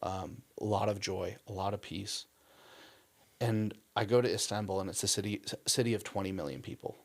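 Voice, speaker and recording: Young guy w a gravelly low voice, chatty, acts out every quote. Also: a little fast. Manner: animated storyteller, acts out quotes, frequent "like" and "um". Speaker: missionary guest. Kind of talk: casual storytelling interview.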